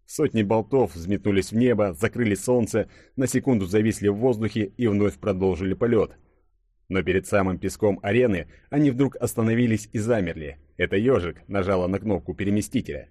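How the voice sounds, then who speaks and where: Brief: male audiobook narrator, low voice, dramatic measured delivery, dry close sound. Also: mellow, dry recording.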